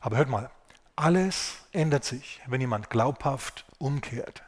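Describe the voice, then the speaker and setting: Male pastor giving a sermon, casual and rambling, talks straight to the congregation, average pitch. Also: expressive, a little slow. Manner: colloquial, digressive, addresses congregation directly.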